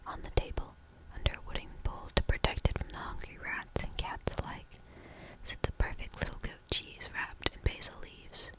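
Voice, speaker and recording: A woman reading a novel aloud for ASMR in a soft, hushed whisper, slow and deliberate. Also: poor audio.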